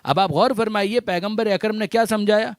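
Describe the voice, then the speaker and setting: A man's voice: high-pitched, steady tone, smooth, no room sound. A man giving a religious sermon to a gathering, reciting Arabic verses and explaining them with repeated phrases, rhetorical questions and English terms mixed in. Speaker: religious scholar giving a majlis lecture.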